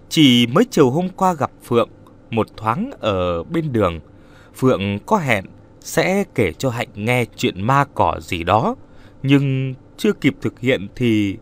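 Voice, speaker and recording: Man reading a calm young woman. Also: mid-range voice. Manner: calm, even.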